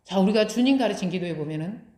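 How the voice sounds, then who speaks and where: A woman's voice: medium pitch, lively intonation, quick pace, mellow. A woman pastor preaching a sermon, putting rhetorical questions to her congregation and answering them herself. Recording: echoey room.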